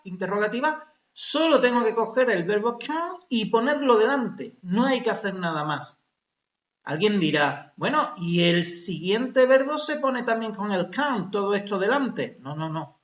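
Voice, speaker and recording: A man teaches English to adults, his voice high and swinging up and down as he explains. He checks constantly that the class is following and slows down to model example sentences. The recording is roomy and a bit muffled. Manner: lively, explains step by step with frequent checks like ¿vale?. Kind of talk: recorded grammar lesson for adults.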